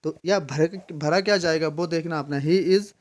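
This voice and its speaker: A man's voice: a little high, moderate pace. Man teaching grammar with repeated questions. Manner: repeats questions and answers them himself; mixes Hindi with English grammar terms. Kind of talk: casual spoken lesson.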